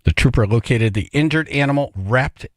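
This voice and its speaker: A man's voice: mid-range voice, moderate pace, no echo. A man hosting a morning radio show, chatting in a dry, self-mocking way into a studio microphone. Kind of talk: casual morning radio banter.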